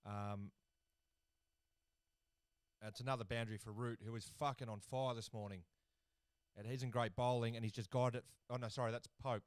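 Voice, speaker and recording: A man's voice: mid-range voice, fairly quick, clean tone, no room sound. A young Australian man hosting a casual cricket watchalong from his lounge room, laid-back and swearing freely. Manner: laid-back, swears, excitable over wickets. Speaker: watchalong host and commentator. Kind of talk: casual live-stream commentary.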